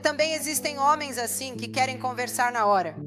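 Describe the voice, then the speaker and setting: A woman's voice: sits high, fairly quick, over music. A woman pastor preaching a sermon, emphatic and putting rhetorical questions to the congregation.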